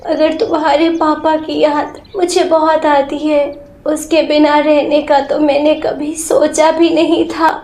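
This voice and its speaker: A woman's voice: high voice, level tone, a little mellow. A woman doing an old grieving sparrow grandmother. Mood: mournful. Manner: slow, mournful. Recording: roomy echo.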